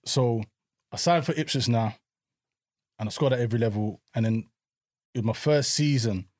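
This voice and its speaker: A man's voice: mid-range voice, moderate pace, darkish tone, dry recording, clean studio sound. A man telling stories as a podcast guest in casual, slangy speech. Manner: colloquial, slangy. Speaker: podcast guest, former footballer. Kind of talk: casual chat, storytelling.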